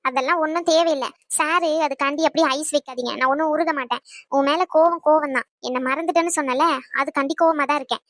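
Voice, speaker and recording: A woman's voice: sits high, steady tone, fast, a bit bright, dry recording, clean studio sound. Woman playing a sulky, proud young girlfriend. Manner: sulky, pouting. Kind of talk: audio drama romance.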